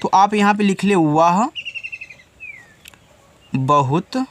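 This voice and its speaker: A man's voice: high-pitched, big pitch swings, unhurried, noisy background. A man giving a casual spoken English lesson as a teacher, patient and repetitive, often asking his listeners questions. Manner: patient, repeats each step, often asks listeners directly.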